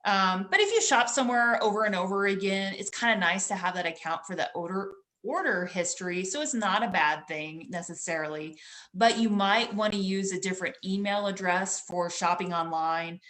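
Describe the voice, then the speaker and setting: A woman's voice: medium pitch, expressive, moderate pace, fairly bright tone. Woman explaining online security tips. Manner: practical, advice-giving, many fillers. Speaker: cyber security expert guest. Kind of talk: explanatory interview talk.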